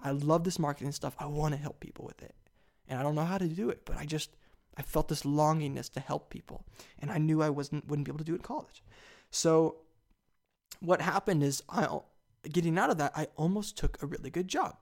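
Eager young man with a gravelly voice. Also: a little fast. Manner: eager and rambling, with big excited jumps in pitch. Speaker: podcast host. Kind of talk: solo podcast monologue.

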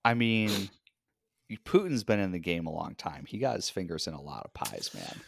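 A man co-hosting a podcast, chatting casually with a joking, animated manner. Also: deep voice, normal speed, gravelly, no room sound, clean studio sound. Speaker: podcast co-host. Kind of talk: casual chat.

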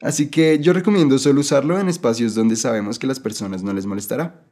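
A man's voice: medium pitch, quick pace, darkish tone. A cheerful man hosts a language-learning podcast, reading his script with real enthusiasm and laughing easily. His voice sits in an ordinary middle register. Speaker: podcast host and teacher.

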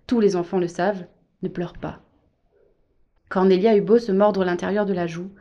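A woman reads a novel aloud in a measured, gentle manner. Her voice is mellow and warm, and the recording sounds muffled and lo-fi. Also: lowish voice. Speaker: audiobook narrator. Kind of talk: scripted narration.

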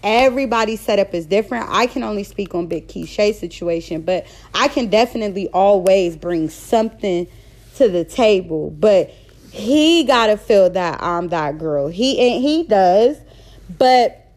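A woman's voice: medium pitch, animated, normal speed, darkish tone. Candid woman podcaster in her thirties. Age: 30s. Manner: candid and blunt, stumbling over words. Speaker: podcast host. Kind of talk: casual solo podcast monologue.

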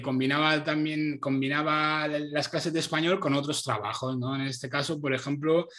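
Male guest, bright and high, animated storyteller, frequent laughs. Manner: animated, laughs often, many restarts. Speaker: guest, Spanish teacher. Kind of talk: casual storytelling in an interview. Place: home.

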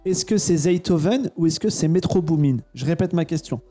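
A man's voice: fairly high pitch, normal speed, warm tone, faint music behind. A man in his thirties hosting a casual podcast quiz, teasing and playful. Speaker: podcast host.

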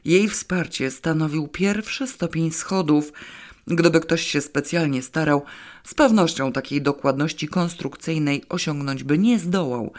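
Woman, audiobook narrator, wry, expressive reading, first person. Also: sits low.

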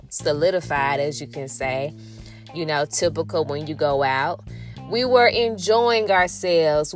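In a fairly bright but low-sitting voice, a middle-aged woman recounts something from her own life in a wandering, thoughtful way. She keeps restarting and saying "you know," and the story eventually turns spiritual.

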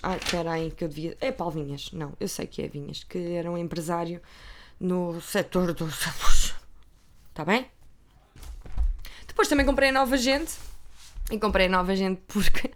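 This woman has a European Portuguese accent and a fairly low pitch. She chats casually and ramblingly about gossip magazines, occasionally dropping to a whisper.

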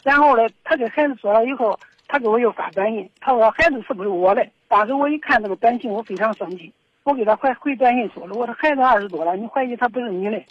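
A woman's voice: fairly high pitch, fast, husky, no echo. A middle-aged woman, calling in and telling her story in an aggrieved, rambling way with many restarts. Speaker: caller. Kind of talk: phone-in confession. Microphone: telephone. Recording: dull lo-fi phone line.

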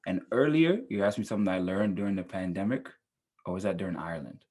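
Deep, husky young man chatting. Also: quick pace, mellow. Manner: laid-back, reflective, hypes his co-host. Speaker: podcast co-host. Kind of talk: casual chat.

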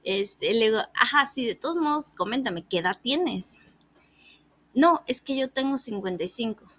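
A woman's voice: a little high, normal speed. A woman, telling a funny story in casual chat and acting out the other person's lines, laughing often. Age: 30s. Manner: animated, acts out quoted dialogue, laughs often.

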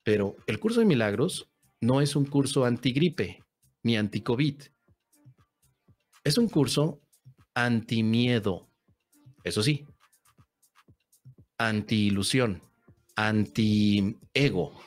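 A man's voice: medium pitch, expressive, slow pace, pauses often, soft background music. A man gives a casual, playful podcast talk as a spiritual teacher, answering a listener in a slangy, conversational way.

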